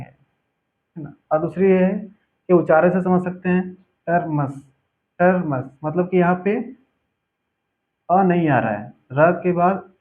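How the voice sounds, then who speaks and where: A man teaching a spelling lesson, patiently repeating each word slowly for his students. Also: high-pitched. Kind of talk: spelling lesson over a board. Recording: tinny phone-like audio.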